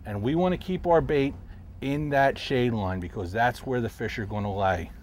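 A middle-aged man, a professional angler, calmly explaining his technique while fishing from a boat on a river, recorded outdoors on a lapel mic. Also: medium pitch, moderate pace. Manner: calm, explanatory, talks while casting. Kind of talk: instructional fishing commentary. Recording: faint outdoor noise.

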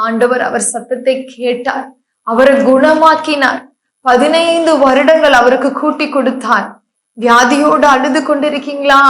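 A woman's voice: sits high, reverberant, rough recording. A woman preacher giving a devotional sermon, earnest and pleading, speaking straight to her listeners.

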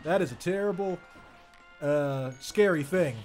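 A man hosting a casual gaming stream, excitable and laughing often as he plays and reads viewer comments. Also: fairly high pitch, unhurried, faint music behind. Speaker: streamer host.

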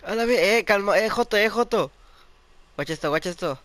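A man with a Mexican accent, loudly commenting on his own gameplay at home, swearing and shouting at other players. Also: high-pitched, a little fast, no room sound. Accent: Mexican Spanish. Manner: loud, excitable, swearing. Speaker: gamer youtuber.

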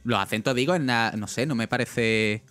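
A man's voice: medium pitch, normal speed, fairly bright tone, clear, resonant tone, faint music behind. A young man with a Spanish accent chatting casually on a livestream, rambling with lots of fillers and talking straight to his chat. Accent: Spain. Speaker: streamer.

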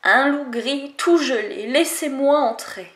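Une femme fait la voix d'un loup gris transi qui insiste pour entrer. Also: female voice, high voice, slow pace, fairly bright tone, echoey room. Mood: pleading. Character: big grey wolf, frozen and pleading.

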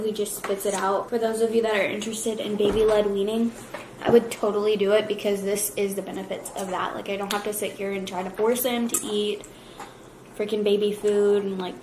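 A woman's voice: mid-range voice, reverberant, noisy background. A young woman vlogging casually at home, chatty and full of fillers, nauseous and tired. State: nauseous, worn out. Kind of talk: casual vlog chat. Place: home kitchen.

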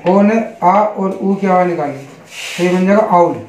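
A man with an Indian accent teaching English pronunciation, spelling each word letter by letter and giving its meaning in a slow, repetitive way. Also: high voice, darkish tone. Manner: spells words letter by letter, then gives Hindi meanings. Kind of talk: online English pronunciation lesson. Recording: echoey, dull lo-fi room.

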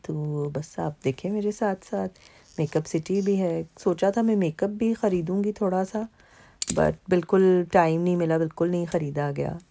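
Over footage of a mall, a vlogger from Pakistan talks in a lowish, gravelly, warm voice at normal speed. Her narration is relaxed and conversational, full of fillers.

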